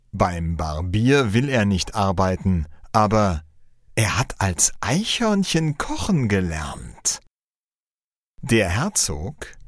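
Slow clear storybook reading, low male voice, lots of up and down, dry mic. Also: dry recording. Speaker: narrator.

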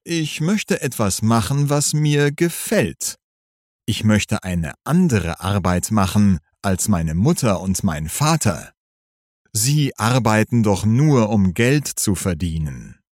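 A man voicing an earnest, studious teenage schoolboy in a read-aloud story, speaking slowly and carefully. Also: lowish voice, very animated, darkish tone, no echo, clean studio sound, full character voice.

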